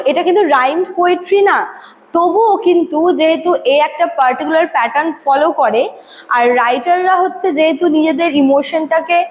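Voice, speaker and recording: A young Bengali woman teaching a recorded lecture. She explains at length, checks understanding often, and reads definitions slowly. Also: sits high. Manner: explanatory, asks "ঠিক আছে?" to check understanding. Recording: long reverb, faint noise.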